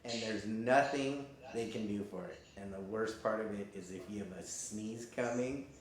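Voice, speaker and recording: A man in his fifties, a pro skateboarder telling injury stories in an interview, laid-back and casual, swearing here and there. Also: mid-range voice. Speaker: professional skateboarder. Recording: very echoey room.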